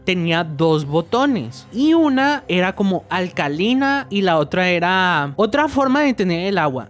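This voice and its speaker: Animated Mexican man telling his story. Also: high-pitched. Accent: Mexican Spanish. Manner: animated, acts out his own past thoughts in quotes. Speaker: vlogger. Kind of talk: personal storytelling vlog.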